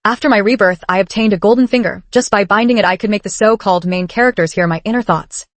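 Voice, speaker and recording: A woman's voice: mid-range voice, fast talker, no room sound, lightly acted. A woman voicing a frightened, tearful young heroine who pleads and apologizes in an audio novel. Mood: anxious.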